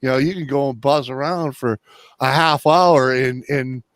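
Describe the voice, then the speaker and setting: A man's voice: medium pitch, moderate pace, no echo. A man chatting casually on a live stream panel, telling stories in a rambling way with many fillers. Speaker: panel guest.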